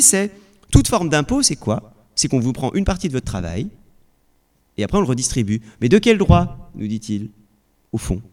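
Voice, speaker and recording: A man lecturing to a class, his pitch swinging widely as he talks. He keeps asking the room rhetorical questions and often breaks off to restart a phrase. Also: a little mellow. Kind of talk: spoken lecture on political philosophy.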